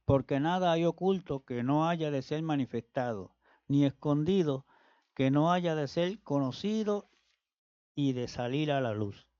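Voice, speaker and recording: A man reads Bible passages aloud at a steady, measured pace. The sound is dry with no room around it. The recording is dull and lo-fi. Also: on the high side, clean tone, no room sound. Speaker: scripture reader.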